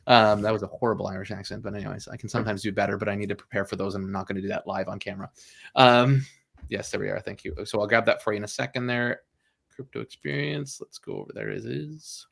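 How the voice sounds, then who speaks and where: A man's voice: fairly low pitch, fairly even intonation, quick pace, creaky, a bit bright. A man hosting a casual livestream chat, rambling with many fillers and apologies, and laughing often. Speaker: livestream host.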